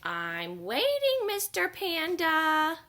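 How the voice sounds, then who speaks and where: Storybook penguin, small polite boy, a woman doing it high, bright and eager. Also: wildly swooping pitch, extremely slow, heavily acted. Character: patient, polite little male penguin.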